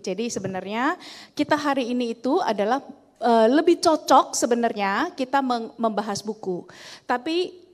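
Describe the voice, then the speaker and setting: A middle-aged woman, giving a lively, chatty talk about a book to a church class, with many fillers and repeats. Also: a little high. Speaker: guest speaker at a church couples' class.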